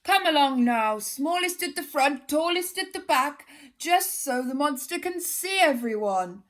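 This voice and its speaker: A woman's voice: high voice, expressive, unhurried, fairly bright tone, voice pushed up. Woman playing Ralph, a bossy storybook lion. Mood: bossy, approving. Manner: commanding, encouraging. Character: bossy but cowardly male storybook lion. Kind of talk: children's storybook character voice.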